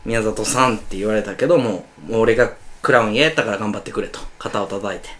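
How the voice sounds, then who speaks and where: A man with an Osaka Kansai accent, co-hosting a casual radio-style chat and telling stories in a quick, animated way. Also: lowish voice. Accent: Osaka Kansai dialect. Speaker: co-host.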